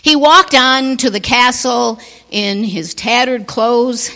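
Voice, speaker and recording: A woman preacher telling a story in a gentle sermon, sometimes dropping to a near whisper, in a long church reverb. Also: a little high. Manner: slow, gentle, drops to a near whisper on key lines.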